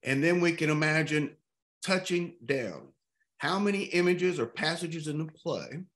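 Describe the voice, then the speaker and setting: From a home room with art on the walls, a man in his fifties from East Texas leads a literature discussion over a video call. His medium-pitched voice is expressive and thoughtful, and he stretches out key words.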